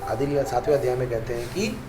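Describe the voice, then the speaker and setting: A man's voice: mid-range voice, quick pace, roomy sound, music in the background. A man preaching a casual devotional talk to young people, repeating phrases for emphasis and chuckling at his own jokes. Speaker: monk preacher giving a youth talk. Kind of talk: Hindi devotional talk mixed with English words.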